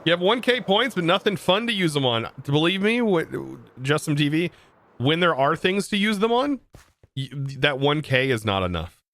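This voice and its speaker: American dude streaming, voice jumps all over, dry close sound. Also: male voice, a little high, sing-song, moderate pace, a bit bright, no echo. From United States. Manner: reads chat aloud and answers in disbelief. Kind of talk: casual livestream chat while gaming.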